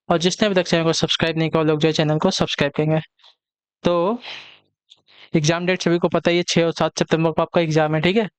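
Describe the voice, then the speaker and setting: Clear-voiced male exam teacher. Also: a little high, no echo. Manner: repeats questions and answers, frequent "ठीक है" check-ins. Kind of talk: online class lesson.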